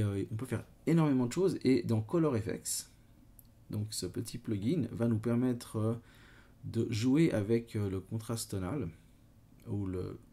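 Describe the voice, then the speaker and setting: Gravelly-voiced man with a Swiss French accent. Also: lowish voice, warm tone. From Switzerland. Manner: hesitant, many fillers, talks while working. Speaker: photo editing tutor. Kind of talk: screen-recorded software tutorial.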